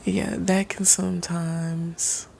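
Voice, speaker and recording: Woman, soft ASMR pep talk, near-whisper, mellow and even-pitched, halting delivery, faint noise behind. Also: creaky. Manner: halting, pausing mid-sentence. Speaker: ASMR creator. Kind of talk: soft-spoken ASMR, reflective personal talk.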